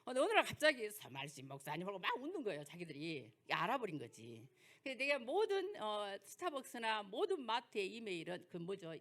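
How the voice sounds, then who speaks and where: A woman's voice: medium pitch, wildly swooping pitch, a little fast, fairly bright tone. An older woman pastor with a Jeolla accent, preaching through folksy personal stories and rhetorical questions. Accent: Jeolla dialect. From Jeolla, South Korea. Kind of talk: sermon lecture with personal stories.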